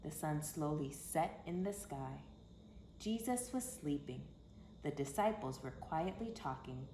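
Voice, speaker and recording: With a deep, warm voice and lively intonation, a woman reads a children's picture book at a measured pace. She delivers it expressively with dramatic, emphatic phrasing, and the echoey room carries faint background noise.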